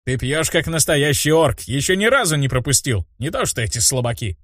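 A burly orc tavern keeper from a storybook, proud and hearty in his talk, as a male narrator voices him. His voice rises and falls with lively energy. The recording is close and dry. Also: fairly high pitch, brisk, dry recording.

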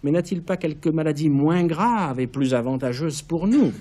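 A man's voice: fairly high pitch, moderate pace, dark tone, pitched above the performer's own voice, close to an everyday voice. A man reading a play aloud, voicing a fearful, fawning male patrician who pleads fervently.

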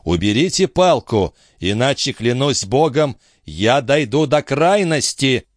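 Man voicing a hot-headed young nobleman, defiant, urgent, animated pitch. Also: unhurried, no room sound, clean studio sound. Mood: pleading. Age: young adult.

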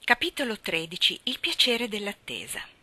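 A woman narrating a storybook aloud, reading at a calm, measured pace. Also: mid-range voice, no echo. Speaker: reader of an audiobook.

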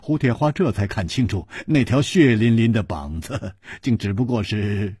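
A man narrating a long-form story with a dramatic delivery, shifting pace and pitch. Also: moderate pace, darkish tone, breathy edge, dry recording, studio quality.

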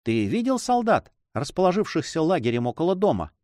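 Anxious young noblewoman, read by a man, high-pitched and pleading, emotional storybook sister. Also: big pitch swings, brisk, a little mellow, no echo, studio quality. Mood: worried.

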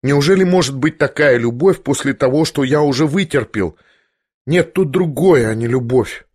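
A man reading an audiobook, voicing a gentle, anguished young prince who speaks softly and hesitantly. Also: mid-range voice, expressive, normal speed, husky, no echo, clean studio sound. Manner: soft, hesitant, pained. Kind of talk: audiobook character voice.

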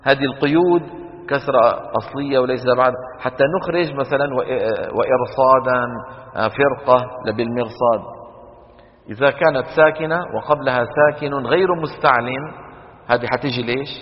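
A man teaching Quran recitation rules to a class, quizzing students with quick questions and chanting the examples slowly. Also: mid-range voice. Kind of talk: classroom lesson on tajweed rules. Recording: dull lo-fi recording with long hall reverb.

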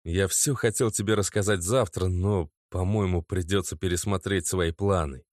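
A man's voice: low-pitched, fairly even intonation, normal speed, darkish tone, no room sound, clean studio sound, close to an everyday voice. A man voicing a nervous young boyfriend who earnestly pleads to be believed.

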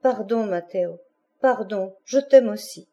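A woman's voice: a little high, expressive, moderate pace, warm tone, muffled recording, close to an everyday voice. A woman reading an audiobook, voicing a fiery and capricious young woman who swings from defiance to pleading.

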